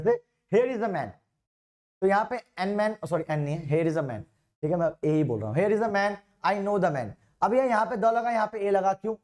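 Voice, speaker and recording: A man teaching an exam-prep grammar lesson, chatty and informal, reading out example sentences slowly and often correcting himself mid-sentence. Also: high voice, a little mellow. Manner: informal, repeatedly calls students "bhaiya".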